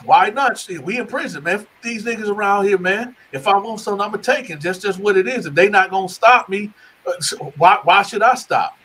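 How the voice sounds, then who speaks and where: A man voicing an adult male prison bully who speaks in a low, rushed whisper. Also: fairly bright tone, a little hiss or hum, low-quality recording. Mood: defiant.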